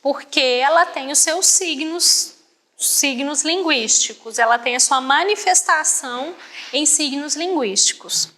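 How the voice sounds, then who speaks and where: A woman voicing a deaf guest's talk live as an interpreter, quick and often restarting her phrases, with a reverberant hall around her. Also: high voice, bright, forceful tone. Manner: quick, restarting phrases, mimicking others' tones.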